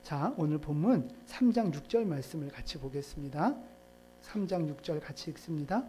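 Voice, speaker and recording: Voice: medium pitch, expressive, normal speed, warm tone, slight background noise. A pastor preaching a sermon in a church in a conversational way, putting questions to the congregation. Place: church sanctuary.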